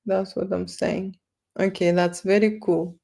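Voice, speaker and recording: Livestreaming from her photo studio, a Lithuanian-accented woman talks casually with her viewers, repeating words and ending lines with "okay" or "right." Her medium-pitched voice has vocal fry and a dark tone, delivered flatly at a measured pace.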